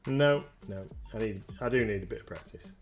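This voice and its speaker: A man's voice: fairly low pitch, fairly quick, soft background music. A man chatting casually as host of a live stream, hesitant and self-deprecating, with lots of fillers. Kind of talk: casual chat. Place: home streaming room.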